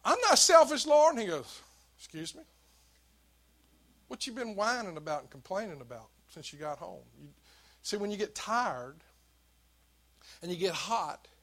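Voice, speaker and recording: A man's voice: on the high side, a bit bright. An older man preaching a sermon, telling folksy stories to the congregation and building to emphatic exhortation. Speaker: pastor.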